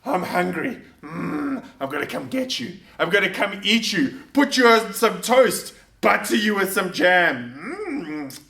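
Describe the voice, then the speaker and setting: A man playing a boastful, hungry giant warrior in a church storybook reading, booming and taunting with loud laughs. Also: very animated, measured pace, vocal fry, few pauses, full character voice. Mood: hungry menacing. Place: church room. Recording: roomy sound from a distant mic.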